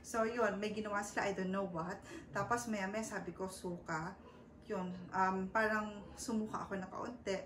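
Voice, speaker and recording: A woman's voice: medium pitch, fairly even intonation, moderate pace, a bit bright. Woman sharing her story, roomy and distant. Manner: polite, with frequent "po", hesitant fillers and English mixed in. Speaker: vlogger. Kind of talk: casual personal storytelling. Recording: roomy, a bit far from the mic, faint background noise.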